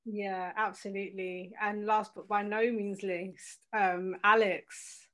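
A woman's voice: mid-range voice, flat delivery, slow, fairly bright tone. Woman running a group discussion, upbeat and encouraging. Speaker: discussion facilitator. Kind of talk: casual discussion.

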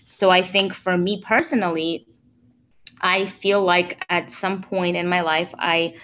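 A woman relationship coach explaining ideas in a relaxed interview, with plenty of fillers and restarts. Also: fairly low pitch, unhurried, dull audio.

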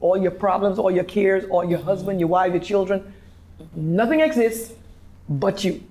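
A woman from Guyana, a fitness instructor, talks as an interview guest. She speaks loosely, with some restarts along the way. Her pitch sits in a middle range. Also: normal speed, a little mellow. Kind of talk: casual interview.

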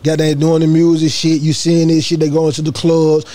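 A man's voice: on the high side, monotone, normal speed, mellow. A man interviewing a music artist in casual, slangy chat, often asking "you know what I'm saying".

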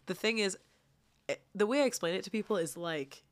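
A woman's voice: medium pitch, lively intonation, brisk. A woman from the American Midwest hosting a casual podcast chat, chatty and telling stories with animation. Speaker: podcast host.

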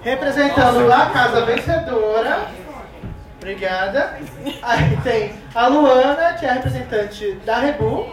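A woman's voice: on the high side, lively intonation, unhurried, recorded from a distance, soft background music. A woman co-hosting a live podcast, affectionate and hyping up guests from the audience. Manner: affectionate, calls people "amor", hypes guests. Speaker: podcast co-host. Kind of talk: casual live podcast chat. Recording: roomy live recording from off-mic, audience noise.

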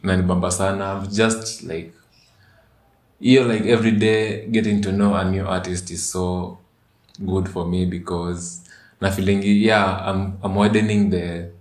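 A man with a Kenyan accent hosting a podcast in casual, slangy chat, often repeating words. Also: sits low. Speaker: podcast and radio host. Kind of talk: casual chat mixing English and Swahili slang. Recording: roomy echo.

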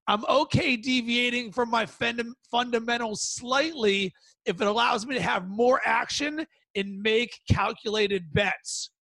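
A man with a strikingly high voice hosts a sports betting show on his own. He talks in an emphatic, punchy way and leans on stretched words. The sound is dry and close. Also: gravelly, bright, forceful tone, no echo, rough recording. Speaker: podcast host. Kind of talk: sports betting podcast monologue.

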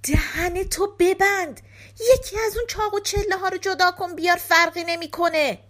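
A woman voicing a band of nervous male thieves in a folk tale, hissing urgent orders to keep quiet. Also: very high voice, fairly even intonation, pitched above the performer's own voice. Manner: urgent hushed scolding.

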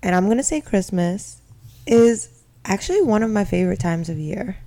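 A woman's voice: medium pitch, lively intonation, moderate pace, dark tone. A woman chatting casually as a podcast co-host, opinionated and teasing. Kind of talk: casual chat.

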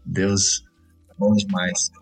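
A Brazilian man co-hosting a faith podcast, reflecting in a measured way and often adding "né". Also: sits low, monotone, gravelly, soft background music. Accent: Brazilian Portuguese. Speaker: podcast co-host.

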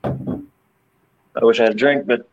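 A man's voice: mid-range voice, big pitch swings, slow pace, a crowd in the background. Easygoing man on a dull phone call. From Texas. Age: mid-twenties. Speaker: caller, college swim coach. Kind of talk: casual chat. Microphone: phone on a video call.

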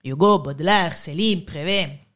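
A woman co-hosting a casual discussion show, explaining lively and readily agreeing with her partner. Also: deep voice, measured pace. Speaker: podcast co-host.

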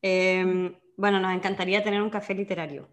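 A woman's voice: mid-range voice, flat delivery, brisk. A young Chilean woman co-hosting a podcast, chatting casually, teasing her co-host and describing plans with dreamy enthusiasm. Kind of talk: casual chat.

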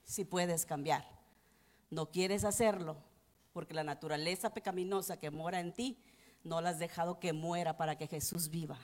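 A woman's voice: fairly low pitch, fairly even intonation, normal speed, a little mellow. A middle-aged woman pastor, giving an earnest, confessional testimony sermon. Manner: earnest, confessional, rising and falling with emotion.

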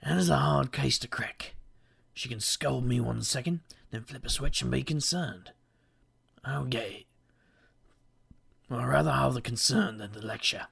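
Urban-fantasy detective for audio drama, male actor, husky and gravelly, weary, sardonic noir narration. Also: mid-range voice, normal speed, pauses often, a bit bright, heavily acted. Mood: puzzled, wry. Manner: wry, self-deprecating, sardonic. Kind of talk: noir first-person monologue.

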